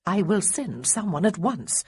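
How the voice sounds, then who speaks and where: Bossy matron, shrill and fussy, husky grain — woman narrator does her. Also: big pitch swings, measured pace, darkish tone, exaggerated voice. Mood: fussing. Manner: shrill, fussing.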